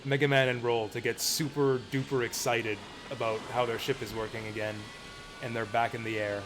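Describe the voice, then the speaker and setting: A man's voice: mid-range voice, little pitch movement, brisk, noisy background. A man streaming a game, giving casual, rambling, enthusiastic fan commentary. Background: video game music and dialogue.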